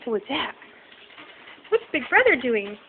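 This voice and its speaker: A mother in casual home video chat, slightly hoarse, teasing and coaxing her baby at home. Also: high-pitched, very animated, slow. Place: family home, indoors. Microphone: phone camera. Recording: tinny phone audio with noise.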